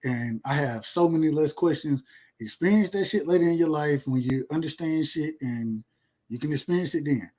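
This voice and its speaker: A man's voice: fairly high pitch, moderate pace, dark tone. A man, rambling and boasting in casual podcast chat. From Georgia, USA. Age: 30s. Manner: laid-back, boastful, rambling with repeats. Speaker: podcast host.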